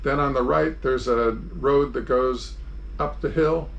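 A sailing vlogger in his sixties narrates an informal travel tour and how-to, walking through things step by step in plain language. His medium-pitched voice is steady, slightly slow and gravelly, with a lo-fi sound.

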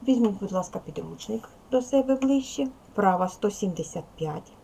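A woman's voice: medium pitch, expressive, moderate pace, creaky, warm tone, a little hiss or hum. A woman teaching a recorded lesson to young schoolchildren, patient and step by step, counting aloud and speaking to them as little ones. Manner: addresses pupils as little children. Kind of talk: recorded video lesson for second graders.

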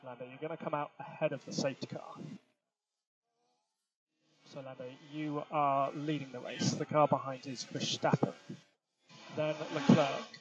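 A Formula One race engineer, a man with a higher-leaning voice, gives clipped, procedural instructions to his driver over team radio, his pitch barely moving. He talks at a moderate pace with frequent pauses, heard through a radio headset on a noisy motorsport link with a team radio filter that leaves the sound muffled.

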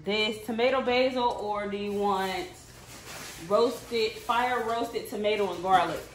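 A woman's voice: mid-range voice, slow. A young woman chatting casually to her viewers while cooking in a home kitchen, calling them y'all again and again. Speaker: vlogger.

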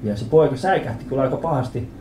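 A man in his thirties doing a stand-up comedy set in a club, telling stories with animated acted-out voices and lots of swearing. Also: medium pitch, a little hiss or hum. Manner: animated storytelling, acts out quoted voices, swears freely. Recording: roomy club with audience laughter.

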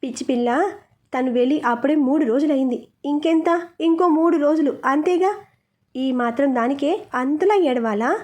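A woman's voice: high-pitched, moderate pace, natural voice. A woman doing a fussing, teasing best friend. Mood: comforting. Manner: fussing, warm scolding.

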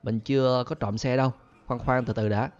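A young man commenting on his own gameplay, getting excitable and yelping and repeating words when he takes fire. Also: medium pitch, normal speed, highs cut off. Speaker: gaming channel host.

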